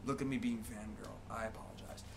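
A man's voice: lowish voice, fairly even intonation, fairly quick. A man in his twenties giving an informal, rambling, sweary video-blog talk in a room at home. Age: 20s. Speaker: gaming video creator. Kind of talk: casual rambling vlog. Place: home bedroom, indoors. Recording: clear background noise.

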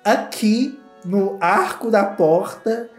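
A man's voice: high voice, animated, extremely slow, faint music behind. Campy Brazilian man, gushing commentary. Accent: Brazilian Portuguese. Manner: campy, exclamatory, gossipy. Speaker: YouTuber host. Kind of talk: comedic reaction commentary.

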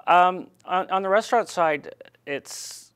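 A man's voice: high-pitched, slow, fairly bright tone, smooth, no room sound. A middle-aged man answering interview questions as an industry spokesman, hesitant, with many fillers and repeated words. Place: small TV studio. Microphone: lapel mic.

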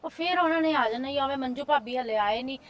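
A woman playing a kind young sister-in-law who gently consoles a crying relative. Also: high-pitched, fast talker, close to an everyday voice. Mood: consoling. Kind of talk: family drama acting.

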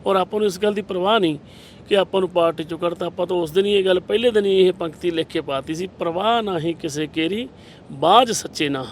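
A man speaks quickly and with conviction, his voice sitting a little high as he presses each point home. He answers in an impassioned interview style, building rhetorical runs. A faint rumble of traffic hums behind him outdoors. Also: steady tone. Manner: forceful, rhetorical, retells scenes with quoted dialogue. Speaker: political candidate.

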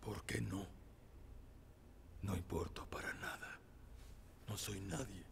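A man voicing a despondent cartoon crocodile who feels worthless, in a hushed, bleak voice. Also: low voice, fairly even intonation, slow, gravelly, whispered, exaggerated voice. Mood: despairing. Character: despondent crocodile game character, feeling worthless.

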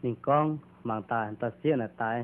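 A man's voice: mid-range voice, fast, close to an everyday voice. A man acting in an amateur drama, talking casually with a bantering manner. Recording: tinny lo-fi with faint guitar.

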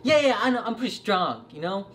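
A man's voice: sits high, big pitch swings, brisk, a bit bright. Young man as a boastful, dim warrior hero. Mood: casual bragging. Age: young adult. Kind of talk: amateur comedy sketch acting.

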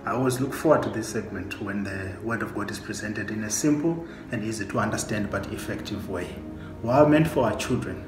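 A man's voice: fairly low pitch, fairly quick, echoey room, over music. Man formally announcing a church segment. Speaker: church elder. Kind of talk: program announcement.

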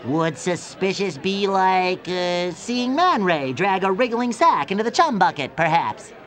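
An actor playing an eager, childlike sea sponge fry cook with a squeaky, nasal voice in a cartoon game. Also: male voice, lively intonation, a little slow, over music, a crowd in the background.

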